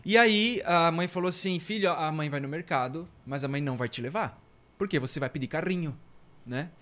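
A slightly high-voiced man tells a funny childhood story. He talks casually and with animation, putting on voices for the people in it and laughing along as he goes. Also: fairly quick. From Brazil. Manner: lively anecdotes, mimics voices and laughs often. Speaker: priest guest telling a childhood story.

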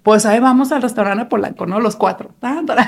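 A woman's voice: fairly high pitch, moderate pace, vocal fry, darkish tone. A woman in her forties with a Mexican accent, animatedly telling a story in a casual chat, laughing and acting out the voices. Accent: Mexican Spanish.

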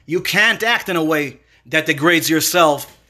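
A man's voice: fairly high pitch, a little slow. A man voicing a stern king who scolds his son in a told parable. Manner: calm to servants, roaring at his son. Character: stern angry king, father of a prince.

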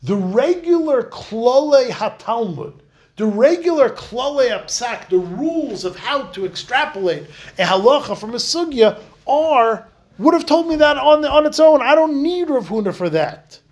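A man's voice: very high-pitched, big pitch swings, normal speed, darkish tone. A man teaching a Talmud class, emphatic, repeating key words for stress. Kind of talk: Talmud lecture.

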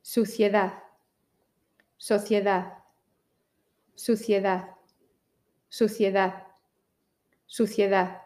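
A woman teaching pronunciation, saying each word slowly and carefully in a listening drill. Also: mid-range voice, dark tone. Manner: very slow, carefully articulated minimal pairs.

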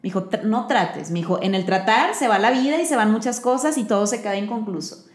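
A woman's voice: on the high side, fast talker. A woman hosting a podcast, talking in an earnest, advice-giving way. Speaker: podcast host. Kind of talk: conversational podcast chat. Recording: roomy echo.

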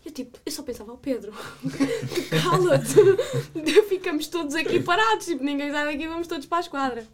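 A young woman with a European Portuguese accent who speaks in a bright, high register and moves quickly from one phrase to the next. She tells the story in a lively way, laughing as she goes. The tone is a relaxed chat among students. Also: a crowd in the background. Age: young adult. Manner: animated, laughs often while telling a story. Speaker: student podcast guest.

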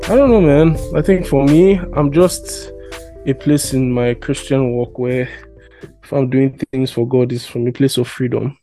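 Mellow-voiced young man, reflective. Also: medium pitch, unhurried, soft background music. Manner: reflective, hesitant, thinks aloud with many fillers. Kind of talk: casual chat.

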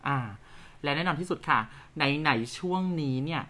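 A young woman from the Korat region co-hosting a casual podcast chat, playful and teasing, explaining things calmly. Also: low voice, moderate pace. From Korat region, Thailand. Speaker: podcast co-host, actor.

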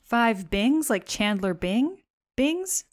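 A woman co-hosting a podcast, agreeable and quick to laugh in casual chat. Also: fairly high pitch, sing-song. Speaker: podcast co-host.

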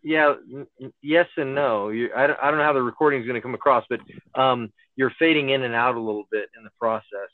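A man hosts a podcast in a laid-back, casual way. His voice is mid-pitched and comes through a tinny phone line. The sound is thin and dry, with no room around it. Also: fast, no room sound. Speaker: podcast host.

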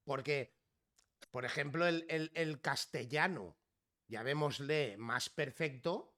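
A man's voice: on the high side, slow, bright, forceful tone. A male podcast host interviewing a guest, curious and chatty, often restarting his words. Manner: curious, stammering restarts, storytelling. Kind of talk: casual interview chat.

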